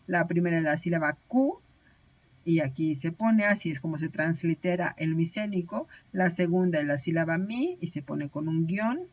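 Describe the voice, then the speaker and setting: A woman's voice: on the low side, highs cut off. A woman teaching a recorded online lecture, explaining step by step with frequent hesitations and self-corrections.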